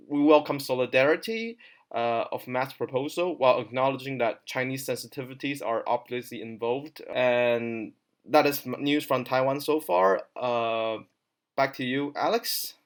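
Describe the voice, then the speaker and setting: A man hosting a casual podcast over a remote call, talking hesitantly with many fillers and restarts. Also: medium pitch. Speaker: podcast host.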